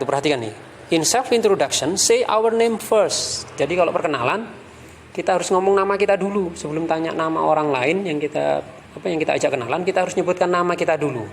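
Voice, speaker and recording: An Indonesian-accented man teaches a lesson on English phrases, his voice sitting a bit high for a man. He explains quickly, then says each example phrase slowly and carefully. A faint hiss of noise lies under the recording. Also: gravelly. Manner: slow, drawn-out model English phrases between quick explanations.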